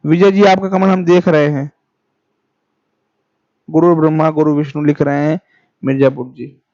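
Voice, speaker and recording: A man teaching an online exam class, speaking slowly and repeating key phrases for students to write down, and pausing to answer viewers' comments. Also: a little high, flat delivery, dark tone. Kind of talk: live-streamed exam class. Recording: dull lo-fi sound.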